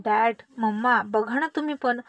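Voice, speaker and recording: A cheeky, teasing younger sister, as a woman storyteller plays her, bursting in with excited jabs in a family storybook tale. Her voice rides high, recorded dry and close. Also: normal speed, no echo, close to an everyday voice.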